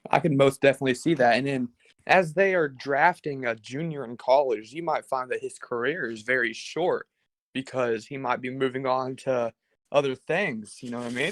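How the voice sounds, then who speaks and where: A man on a panel making quick, assured remarks in casual talk. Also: mid-range voice, a bit bright, dry recording.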